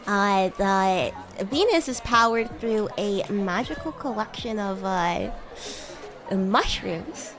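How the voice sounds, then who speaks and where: In character as a bratty, playful demon schoolgirl, a VTuber improvises a livestream roleplay, giggling and teasing the listener she addresses as human. Her mid-range voice is fairly bright with lively intonation, slow in pace, and soft music plays underneath.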